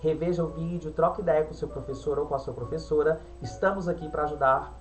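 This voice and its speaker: A woman's voice: sits low, fast, faint music behind. A woman teacher with a Brazilian Portuguese accent, patiently walking pupils through an exercise correction in a remote class. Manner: patient, explanatory, frequent "né" tag questions.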